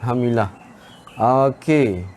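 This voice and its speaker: A man teaching Quran recitation in a live lesson from a garden, relaxed and chatty, drawing out example words slowly. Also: medium pitch, a little hiss or hum. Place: outdoors in a garden with birdsong. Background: birdsong.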